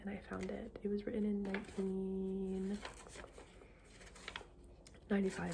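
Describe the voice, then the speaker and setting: A woman whispering softly in an ASMR style as she chats about books, informal and halting, often trailing off. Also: mid-range voice. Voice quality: soft unvoiced whisper. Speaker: ASMR book video creator. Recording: clearly noisy, with clicking sounds.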